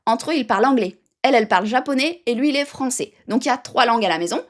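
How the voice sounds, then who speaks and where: A woman's voice: a little high, animated, racing. Upbeat woman teaching baby signs. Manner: upbeat and emphatic, addresses viewer directly. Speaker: baby sign language educator. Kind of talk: direct-to-camera tutorial.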